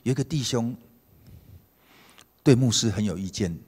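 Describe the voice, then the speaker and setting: A man, a pastor telling a story in his sermon, swinging from emphatic to hushed and tender. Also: medium pitch, expressive, moderate pace, slightly rough. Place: church sanctuary. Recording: long church-hall reverb.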